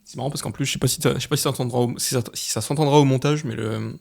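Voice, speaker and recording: A young man co-hosting a podcast in casual chat, quick and self-mocking, laughing often as he plays a word game. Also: mid-range voice, fairly even intonation, gravelly, darkish tone. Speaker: podcast co-host.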